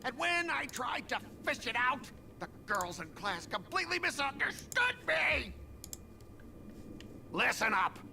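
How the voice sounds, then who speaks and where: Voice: high-pitched, sing-song, measured pace, gravelly, a little hiss or hum, exaggerated voice. An actor voicing a hot-headed, aggrieved schoolboy in a game, bombastic and indignant. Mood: indignant challenge. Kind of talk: theatrical scripted game voice acting. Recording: voice over loud game music.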